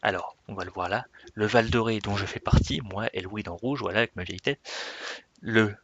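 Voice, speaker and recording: A man talks off the cuff, rambling and restarting his sentences as he goes. His low voice has a bright, gravelly edge. The sound is dry and close, with no room around it. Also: fairly quick, dull audio. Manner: rambling, self-correcting, laughs at himself. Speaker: Minecraft server player introducing himself. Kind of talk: unscripted casual vlog talk.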